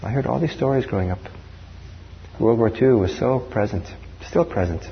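A man from Norway giving a dharma talk as a meditation teacher, speaking in a reflective, measured way. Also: medium pitch, vocal fry. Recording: dull lo-fi talk recording with faint hiss.

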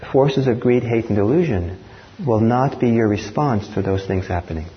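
A man from Norway giving a dharma talk as a meditation teacher, speaking in a reflective, measured way. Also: mid-range voice. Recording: dull lo-fi talk recording with faint hiss.

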